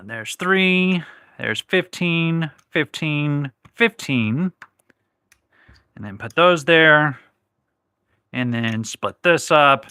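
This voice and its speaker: A man's voice: mid-range voice, sharp tone, clean tone, no room sound, studio quality. A man hosting a live craps stream, chatting casually, reading viewer comments and correcting himself, while he has the hiccups. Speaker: livestream host.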